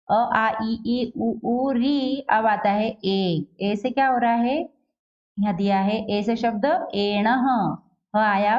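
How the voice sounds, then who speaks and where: Woman teacher, slightly high voice, drills each word by asking and answering herself; dull lo-fi recording. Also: darkish tone. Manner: asks questions then answers them herself, repeats each word slowly. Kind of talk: classroom lesson for children.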